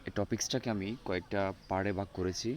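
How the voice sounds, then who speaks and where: A man teaching an English pronunciation lesson, going slowly through the alphabet letter by letter. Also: low voice, fairly even intonation. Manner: slow, spells out letters one by one. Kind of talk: spoken language lesson.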